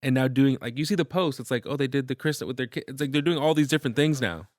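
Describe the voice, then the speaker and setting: A man from Massachusetts co-hosting a podcast in casual chat, saying "dude" often and jumping in with quick interjections. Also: mid-range voice, darkish tone, dry recording, studio quality. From Massachusetts, USA. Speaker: podcast co-host.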